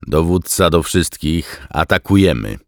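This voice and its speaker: A man voicing a stubborn, gruff male squadron commander pilot who gives clipped commands in a wartime audiobook. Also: sits low, animated, a little slow, no room sound, studio quality, voice pushed up.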